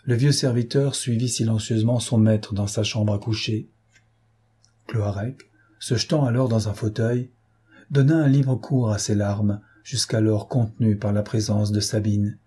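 A man reading a novel aloud in measured, scripted narration. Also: lowish voice, steady tone, mellow, husky. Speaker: audiobook reader.

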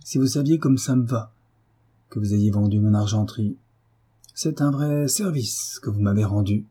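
A man performs a brooding husband whose calm hides menace. The voice is dark and husky, a little raised and forceful, dropping sardonic jabs in a storybook reading. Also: mid-range voice, measured pace. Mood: sardonic gloating. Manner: icy calm with sardonic bite. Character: brooding middle-aged husband, cold menace.

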